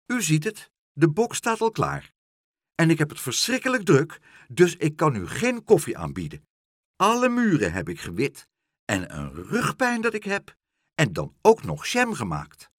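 A man voicing a stern, fussy, house-proud woman in a storybook reading, hurried and self-important. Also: on the high side, wildly swooping pitch, no echo, studio quality, pitched above the performer's own voice, heavily acted.

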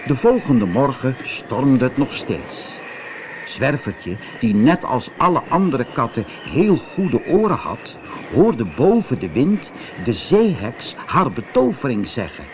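A man reading a children's story aloud as narrator, slow and expressive. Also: medium pitch, slight background noise.

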